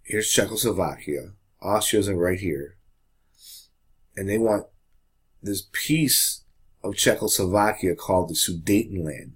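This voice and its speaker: A man teaching a high school history lesson in a casual, chatty way, often checking in with the class. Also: expressive, measured pace, pauses often, breathy edge. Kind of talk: classroom lecture.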